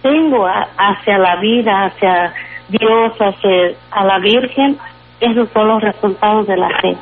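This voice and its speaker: A woman tells a personal faith testimony on call-in radio, in an earnest, halting way with frequent fillers. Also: mid-range voice. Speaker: guest sharing a faith testimony. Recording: tinny phone line with faint music.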